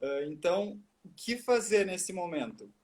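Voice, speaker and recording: A man's voice: high voice, sing-song, a little slow, background noise. A man, a speech therapist explaining things step by step in a live chat and asking himself rhetorical questions.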